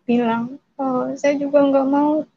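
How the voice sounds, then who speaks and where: A young woman telling her personal testimony in a hesitant, halting way, retelling conversations with her parents. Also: sits high, steady tone, slight background noise. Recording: dull lo-fi recording.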